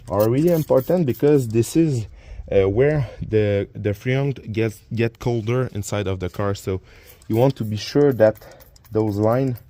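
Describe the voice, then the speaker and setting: A French-accented man, a DIY car repair vlogger whose first language is French, films himself on his phone while working in a garage and under a car. His casual walkthrough goes step by step, often halting with "uh" and repeated words. His mid-range voice is warm, with a little hiss or hum in the background.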